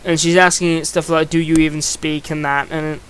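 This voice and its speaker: A man's voice: on the high side, little pitch movement, a little fast, fairly bright tone, clean tone. A young man giving a casual video review, rambling and chatty, often restarting his sentences. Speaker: comic book reviewer.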